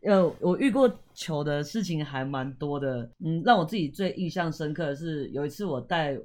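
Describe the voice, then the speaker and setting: A woman's voice: low voice, normal speed, a little mellow. A woman guest, a tour leader telling funny stories in casual chat with a playful, self-mocking manner.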